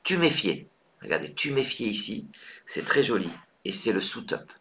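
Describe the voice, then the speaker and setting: Deep-voiced man teaching Scrabble live. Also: big pitch swings, creaky, a bit bright, slight background noise. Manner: explains patiently, thinks aloud with hesitations; counts points aloud briskly. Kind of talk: live online game lesson.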